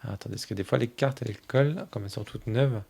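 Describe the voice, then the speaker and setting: A man hosting a tarot channel, casually flipping through a new oracle deck and fondly commenting on each card in a soft voice that often trails off. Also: mid-range voice, quick pace, creaky, slightly rough.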